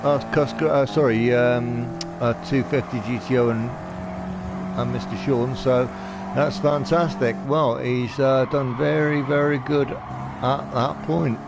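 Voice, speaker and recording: A man giving amateur online racing commentary in a halting, polite and understated way. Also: medium pitch, fairly even intonation, creaky. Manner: hesitant, halting delivery. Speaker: race commentator. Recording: loud car engine noise behind. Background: racing car engines.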